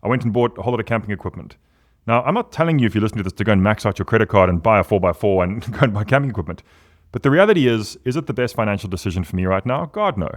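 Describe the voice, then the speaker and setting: Animated man in his forties. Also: rapid-fire. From South Africa. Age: 40s. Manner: animated and emphatic, big pitch swings. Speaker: podcast guest. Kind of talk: casual podcast conversation.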